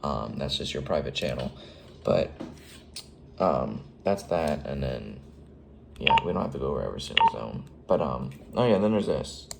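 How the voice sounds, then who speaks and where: A man with an extremely low, gravelly voice walks through a handheld radio in a casual how-to tutorial. He talks hesitantly, pausing and restarting often. Clear noise and radio beeps sit under the recording. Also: animated. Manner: hesitant, frequent ums and restarts. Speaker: fleet radio dispatcher.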